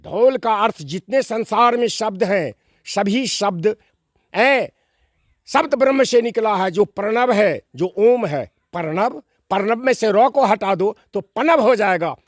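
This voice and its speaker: A man's voice: high voice, animated, unhurried, no echo, studio quality. A man, answering interview questions in an emphatic, preacherly way with rhetorical questions and quoted verses. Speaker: interviewee, scripture expounder.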